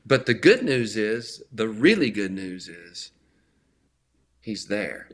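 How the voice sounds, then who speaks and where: A middle-aged man giving an earnest, conversational talk on faith, slowing down to stress key words. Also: fairly low pitch, big pitch swings, fairly bright tone, a little hiss or hum. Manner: earnest, emphatic, often slows for stress. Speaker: faith speaker.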